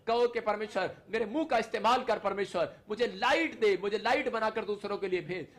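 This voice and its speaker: A male pastor leading a fervent prayer sermon, calling out short repeated declarations for the congregation to say after him. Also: high voice. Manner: leads the audience in repeated call-and-response declarations.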